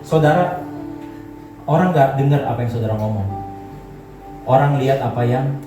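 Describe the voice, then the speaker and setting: A man's voice: mid-range voice, moderate pace. Man preaching in an echoey church hall. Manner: joking, conversational preaching that leads the congregation in gestures. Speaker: pastor. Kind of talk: sermon. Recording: echoey hall, voice from far off, faint music.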